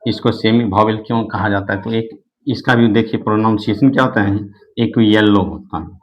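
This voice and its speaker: With the highs cut off, a man on the low side speaks at a moderate pace. His classroom-style lesson explains English in Hindi as he questions himself and supplies the answers, restarting and repeating a lot and saying "nahin" as a filler.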